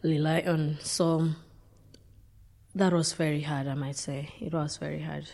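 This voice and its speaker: A woman from Zambia being interviewed, speaking in a halting, hesitant way. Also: deep voice, steady tone, gravelly. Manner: halting, hesitant, soft-spoken.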